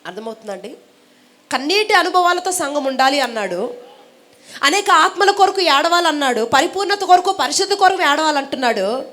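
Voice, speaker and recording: High-voiced woman preaching emphatically. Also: animated, normal speed, fairly bright tone. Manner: rhetorical questions, call-and-response preaching; emphatic, repeating phrases. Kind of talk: Telugu sermon.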